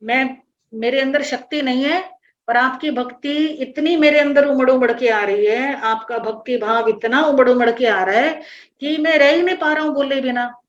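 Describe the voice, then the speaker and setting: Woman, religious teacher, patient line-by-line explanation, higher voice, dull lo-fi online class audio. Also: normal speed.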